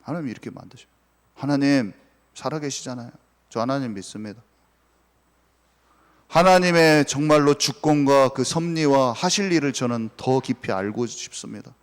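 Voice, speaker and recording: A male pastor preaching a sermon with passion, dropping to a hush and then rising again. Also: mid-range voice, expressive, normal speed, long reverb tail. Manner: impassioned, swings between hushed and raised.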